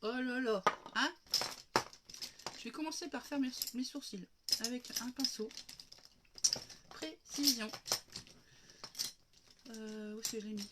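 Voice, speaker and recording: A woman's voice: a little high, takes it slowly, long pauses, heavy background noise. Chatty woman with a cough, livestreaming makeup. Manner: chatty, demonstrating step by step, addressing viewers as girls. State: coughing, recovering from illness. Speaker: makeup live streamer. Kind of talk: casual makeup tutorial livestream.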